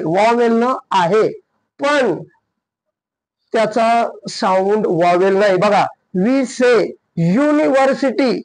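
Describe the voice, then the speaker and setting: A man with a Marathi accent teaching an English grammar lesson, asking questions and answering them himself, and slowing down on the English examples. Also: very high-pitched, rough recording. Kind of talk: classroom-style lesson.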